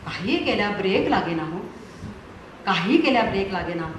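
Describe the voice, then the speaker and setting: A woman's voice: mid-range voice, normal speed, slight background noise. Chatty woman on an echoey concert stage. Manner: lively, chatty, addresses the audience. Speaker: singer and storyteller in a concert. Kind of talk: humorous storytelling between songs. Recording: echoey live hall sound.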